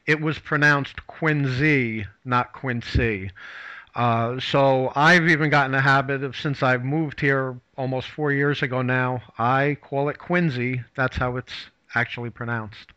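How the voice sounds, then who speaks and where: A man's voice: mid-range voice, steady tone, normal speed, few pauses, sharp tone, clear, resonant tone, dry recording, highs cut off. A man hosting a casual talk show, rambling through facts with many fillers and restarts. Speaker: host.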